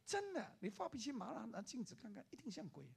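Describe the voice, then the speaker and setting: An older man preaching a sermon as a pastor, telling a story with lively acted-out voices for the people in it. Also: extremely high pitch, quick pace, gravelly, slightly rough. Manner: animated preaching, acting out the people in his story.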